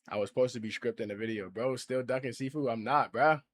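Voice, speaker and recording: Young male streamer in his twenties, loose and slangy, mid-pitched voice, talks back to chat. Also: fast. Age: 20s. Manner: slangy, reacts to and reads out viewer chat. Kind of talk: casual livestream chat.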